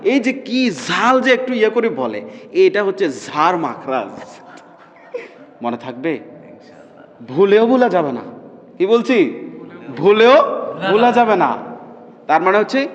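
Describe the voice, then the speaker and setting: Male recitation teacher, high voice, stretches demo sounds and checks comprehension. Reverberant, muffled hall recording. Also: big pitch swings. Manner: keeps checking the class understands, drawls demonstration sounds slowly. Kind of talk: classroom pronunciation lesson. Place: classroom with students.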